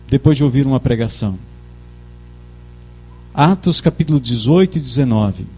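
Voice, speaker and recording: A man with a notably high voice delivers a sermon at an unhurried pace. He presses each point emphatically and calls for his congregation to repeat his words back. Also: darkish tone. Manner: emphatic, leads the congregation in call-and-response. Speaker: preacher.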